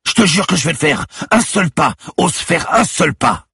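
A man's voice: extremely low pitch, normal speed, breathy edge, no echo, clean studio sound, heavily acted. Man voicing a tough haunted policewoman. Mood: shouting threats. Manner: terse, commanding. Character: tough young woman police officer, haunted.

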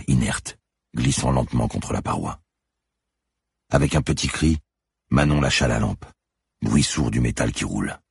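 A man reading a thriller audiobook aloud in a measured, dramatic way. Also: extremely low pitch, creaky, slightly rough, dry recording, clean studio sound. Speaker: audiobook narrator. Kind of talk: scripted narration.

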